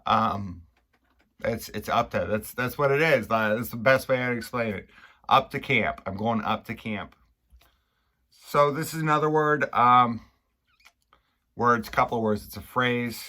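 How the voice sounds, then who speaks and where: A man from Maine with a Maine accent, casually explaining local slang in a halting, rambling way, repeating and restarting phrases. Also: medium pitch, pushed and bright. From Maine, United States. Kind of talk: casual unscripted explainer chat.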